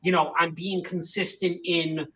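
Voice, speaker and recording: A man's voice: a little high, little pitch movement, a little slow, fairly bright tone, a little hiss or hum, poor audio. A man hosting a podcast, chatting casually and rambling with many "you know" fillers. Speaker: podcast host. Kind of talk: casual interview chat.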